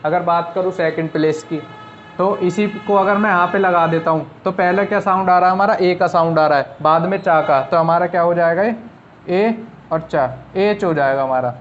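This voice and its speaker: Male shorthand tutor, patient and repetitive, fairly high voice, lo-fi classroom recording. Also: steady tone, brisk. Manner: patient, repeats rules step by step. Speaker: shorthand teacher. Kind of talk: classroom lesson explaining at a board. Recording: slightly dull lo-fi recording with faint noise.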